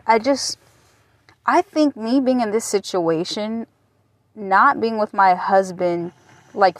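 A woman's voice: mid-range voice, no echo. A woman in her late twenties from Michigan, talking candidly and a bit rambling on her own podcast, with casual swearing. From Michigan, USA. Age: late 20s. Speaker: podcast host. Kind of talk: casual personal podcast monologue. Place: waiting at a taco shop.

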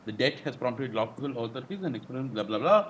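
Indian guy cohosting a casual chat, normal pitch, some noise in the background. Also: animated, fast, dull audio. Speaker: co-host.

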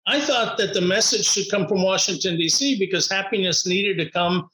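A man with a fairly high voice tells his story in an upbeat, animated way and laughs often. He speaks as a guest in conversation. The room sounds echoey. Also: moderate pace. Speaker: podcast guest, motivational speaker.

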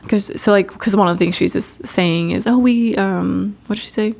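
A woman's voice: mid-range voice, fairly even intonation, quick pace, vocal fry. Rambling woman recapping casually. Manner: rambling, filler-heavy, laughs often. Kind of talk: casual chat.

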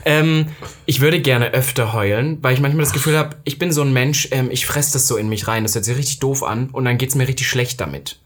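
Fast dramatic podcast cohost guy, swears a lot, rattles through stuff. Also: mid-range voice. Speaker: podcast co-host. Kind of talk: casual podcast chat.

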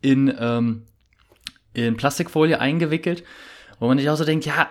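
A man's voice: on the high side, normal speed. A young man co-hosting a podcast, chatting casually and rambling with many fillers and restarts. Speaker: podcast co-host. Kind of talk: casual chat.

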